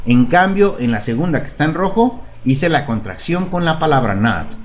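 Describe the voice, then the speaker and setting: This man's voice sits a little high, expressive and at a moderate pace, with the highs cut off and a touch of background noise. He's giving a beginner English lesson online in Spanish, modelling phrases for repetition and patiently checking comprehension with "¿De acuerdo?".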